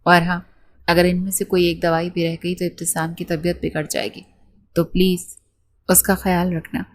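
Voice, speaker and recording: A woman's voice: on the low side, level tone, close to an everyday voice. A woman voicing a firm middle-aged mother-in-law giving instructions to her son's wife. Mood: stern.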